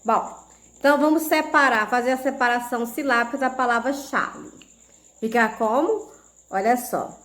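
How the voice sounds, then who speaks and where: Her voice sits a little high and sounds slightly bright, moving at an ordinary pace. This Brazilian woman, a primary school teacher, leads young children through a video lesson step by step, patiently making sure they keep up.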